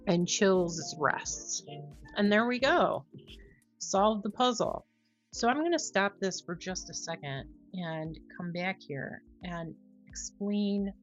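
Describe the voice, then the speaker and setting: A woman thinking out loud in casual commentary on a puzzle, musing and questioning herself as she explains. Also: fairly low pitch, muffled recording. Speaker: host of a crossword solving video.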